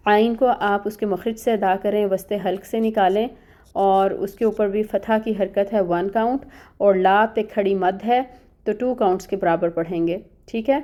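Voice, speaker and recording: Female tajweed teacher, soft mellow tone, patient step-by-step explainer. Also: mid-range voice, steady tone. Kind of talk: online recitation lesson.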